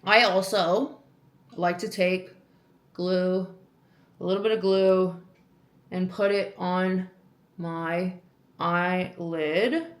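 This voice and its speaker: Young woman vlogging at home, rambling and self-mocking, coaches herself aloud to keep calm. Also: on the low side, extremely slow, long pauses. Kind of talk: casual chatty vlog while doing a beauty treatment.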